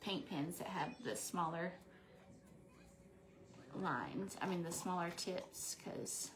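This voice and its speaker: Speaking slowly in a voice on the low side, a woman in her 40s who makes craft videos paints on camera. She chats loosely, wandering off topic and muttering to herself as she goes.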